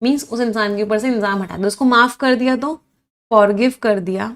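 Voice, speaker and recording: Young woman vocabulary teacher with a fairly high voice, running an online class, quizzing and encouraging her students, explaining in Hindi and English. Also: brisk. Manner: lively, quizzing students and praising answers; mixes Hindi and English, spells words out.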